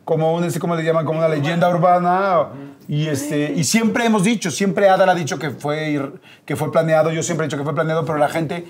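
A man's voice: fairly high pitch, a little fast, a crowd in the background. A man with a Mexican accent telling an anecdote as a guest in casual chat, acting out the quotes. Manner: animated, acts out quotes. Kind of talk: casual storytelling.

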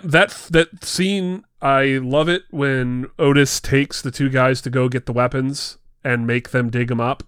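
Smooth, dry-voiced young man, excited. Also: medium pitch, dry recording. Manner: enthusiastic storyteller who swears and acts out scenes. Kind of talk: casual film discussion.

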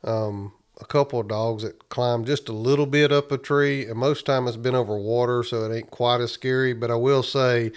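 A man's voice: mid-range voice, steady tone, moderate pace, few pauses, smooth. A man hosting a podcast, chatting casually in a folksy way. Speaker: podcast host. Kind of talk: casual interview chat.

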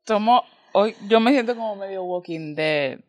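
A woman with a Caribbean Spanish accent co-hosting a podcast, casual and expressive. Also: medium pitch, moderate pace. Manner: expressive, exclaiming, laughing. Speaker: podcast co-host. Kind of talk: casual chat.

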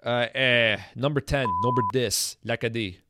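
A man's voice: mid-range voice, fairly even intonation, moderate pace, very noisy. Acadian-accented man hosting a casual chat. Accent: Acadian French Canadian. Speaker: host. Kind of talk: casual bilingual interview chat.

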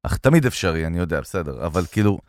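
A man's voice: sits low, sing-song, darkish tone, no echo, studio quality. A man hosting a podcast, joking around with brash banter while asking questions. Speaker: podcast host. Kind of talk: casual podcast conversation.

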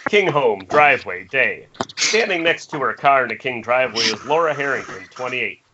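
For a table read, a man in a medium pitch voices the screenplay directions expressively at normal speed. The audio comes through a remote video-call microphone, muffled and faintly noisy.

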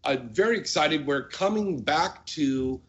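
A man's voice: on the high side, animated, unhurried, highs cut off. A man hosting a casual radio chat show in a jokey, bantering way. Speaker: talk show host.

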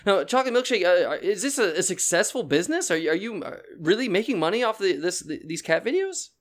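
A man hosts a spoof talk show in a mock-serious tone, stumbling over his words as he questions guests. His voice sits slightly high for a man. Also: sing-song, quick pace. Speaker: host.

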